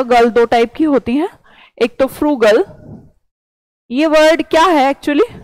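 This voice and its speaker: A woman's voice: high-pitched, no room sound, poor audio. A woman teacher giving a vocabulary lecture, explaining words by asking questions and answering them herself.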